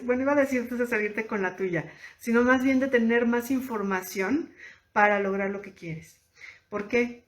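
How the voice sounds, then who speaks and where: A woman, a therapist giving a conversational teaching talk and asking her listeners questions directly. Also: mid-range voice. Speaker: thanatologist and therapist. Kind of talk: informal teaching talk to camera.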